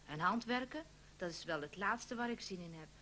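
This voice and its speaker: A woman's voice: medium pitch, expressive, moderate pace, sharp tone, a little hiss or hum. A woman voicing a grumpy housewife who snaps and grumbles, reading a children's story. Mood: grumbling. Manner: snapping and grumbling. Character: grumpy housewife, snappish, sulky.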